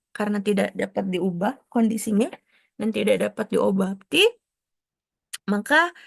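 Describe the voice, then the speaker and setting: A woman tutor giving an explanatory lesson, stepping through technical terms and glossing each one, with frequent soft tag questions. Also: mid-range voice, gravelly, dry recording, clean studio sound. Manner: explains step by step, drops in foreign technical terms and glosses them. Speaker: exam prep tutor.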